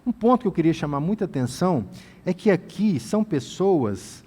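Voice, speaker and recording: Man, Bible teacher, sermon-style teaching, somewhat high voice, long hall reverb, gentle scripture voicings, emphatic exhortations. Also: lively intonation, moderate pace, husky. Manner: reads scripture and paraphrases God's voice in a gentle, intimate tone. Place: inside a tent.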